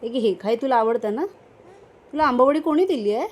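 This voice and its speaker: A woman's voice: fairly high pitch, animated, fairly quick, a little mellow, slight background noise. A woman vlogger casually talking to her small daughter, coaxing her with sing-song questions. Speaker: vlogger and mother. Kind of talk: casual talk to a toddler.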